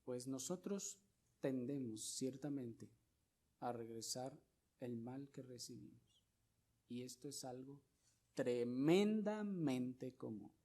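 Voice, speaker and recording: A man preaching a sermon, putting rhetorical question after question to the congregation and swinging from loud stressed lines to quiet, low ones. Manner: slow, deliberate delivery. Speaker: pastor.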